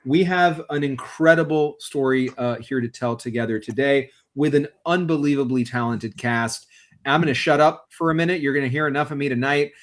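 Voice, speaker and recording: A man running a tabletop game on a live stream, speaking at an ordinary middle pitch. He explains the rules and talks to his viewers in an upbeat, explanatory way. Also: fairly quick. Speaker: game master and stream host. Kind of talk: livestreamed tabletop game introduction.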